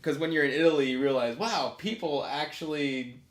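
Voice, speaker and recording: A relaxed man, chatting casually and laughing often. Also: on the high side, moderate pace. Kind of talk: casual chat. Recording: echoey room.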